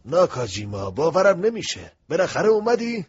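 A man voicing a short, always-smiling man in his thirties in an audiobook, lively and welcoming. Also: medium pitch, slightly rough, no echo, voice pushed down. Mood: delighted. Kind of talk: audiobook character voice. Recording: dull lo-fi recording.

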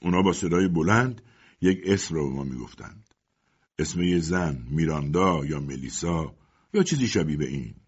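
A man reading scripted first-person narration for an audiobook with a steady storytelling delivery. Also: a bass voice, husky, lo-fi sound.

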